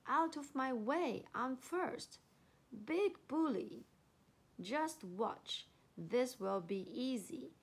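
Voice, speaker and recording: Female reader as a big bragging elephant, high and brash, storybook. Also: big pitch swings, slow pace, few pauses, husky, heavily acted. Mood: boastful. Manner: loud, blustering. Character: boastful big male elephant.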